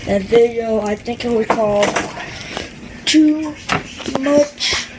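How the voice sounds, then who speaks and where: A noisy recording of a young girl, around ten, chatting casually as a vlogger. Her voice is fairly high and she speaks very slowly and haltingly, tired and hiccuping. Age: child, about 10. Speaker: gamer vlogger. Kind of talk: casual vlog.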